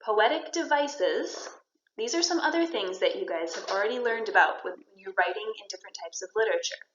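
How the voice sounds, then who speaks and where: A woman's voice: medium pitch, lively intonation, a little fast, fairly bright tone, slight background noise. A woman teacher giving a poetry lesson, explaining step by step and encouraging her students. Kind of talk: recorded classroom lesson. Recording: roomy, dull lo-fi sound.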